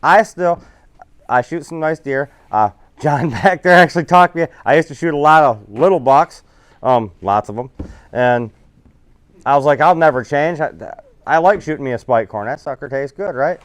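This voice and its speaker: A man's voice: fairly high pitch, moderate pace, no echo. A man giving a casual, rambling, folksy seminar talk about fishing to an audience. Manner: rambling, folksy, self-correcting.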